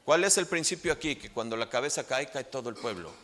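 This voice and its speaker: A Mexican pastor with a Mexican Spanish accent, preaching a sermon emphatically and rising in pitch on key points. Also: male voice, animated, fast talker, fairly bright tone.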